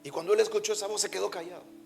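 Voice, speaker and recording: A male pastor delivers an emphatic, fervent sermon. His voice sits fairly high for a man. Music plays clearly behind him. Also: steady tone, racing. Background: soft music.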